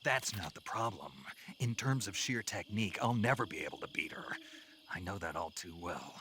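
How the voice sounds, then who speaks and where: An actor playing a gruff, brooding middle-aged soldier in a video game, with a gravelly voice. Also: male voice, low voice, expressive, moderate pace, pushed and bright, slight background noise. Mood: bitter, conflicted.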